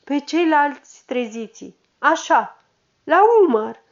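A proud, blustering captain of the old army, bellowing orders and scolding, as a woman reading the story puts him on. The voice sits fairly high and shouts with fervor. The recording is dull and lo-fi. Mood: exultant commanding. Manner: barking commands, loud and fervent.

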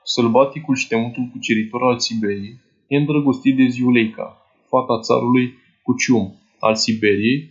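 This dramatized literary monologue features a man as an impoverished, fussy older clerk chattily and dotingly confiding in a young woman. His natural, medium-pitched voice comes through with the highs cut off.

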